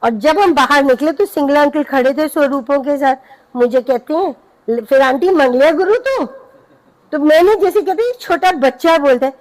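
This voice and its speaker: A woman's voice: sits high, brisk, darkish tone, rough recording. A middle-aged woman speaking to a congregation, telling a personal devotional story in an earnest, anecdotal way.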